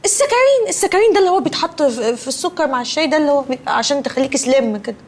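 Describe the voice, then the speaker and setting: A woman's voice: high-pitched, lively intonation, very fast. An actress playing a chatty, scatterbrained young woman in a TV comedy, with an Egyptian accent and a wheedling, sing-song manner. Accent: Egyptian Arabic. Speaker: sitcom character. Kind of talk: TV comedy acting.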